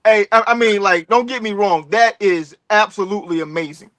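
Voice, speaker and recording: A man's voice: sits high, a little fast, background noise. A man, a filmmaker, chatting casually in a rambling, earnest way full of fillers. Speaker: filmmaker guest. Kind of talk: casual chat.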